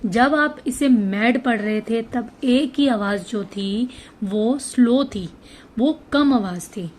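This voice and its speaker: A woman's voice: a little high, slow, a little mellow, a little hiss or hum. A woman explaining an English spelling lesson for children. She speaks patiently, repeating and stretching the example words.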